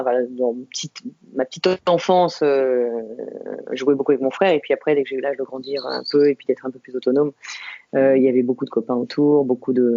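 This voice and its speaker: A woman of about fifty from the Paris suburbs, a podcast guest talking about her life in a reflective, unhurried way, pausing and restarting often. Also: rumbling low, mellow, highs cut off. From Paris suburbs, France. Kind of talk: podcast interview conversation.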